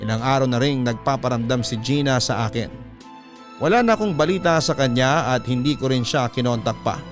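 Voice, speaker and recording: A man who hosts a radio program, reading a first-person story as scripted narration in a measured, even way. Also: mid-range voice, faint music behind. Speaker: storyteller host.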